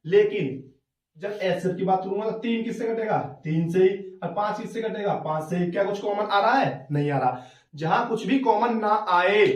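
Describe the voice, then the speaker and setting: A man's voice: high voice, darkish tone, echoey room, recorded from a distance. A man teaching a math lesson step by step, asking questions and answering them himself, and calling the students "beta".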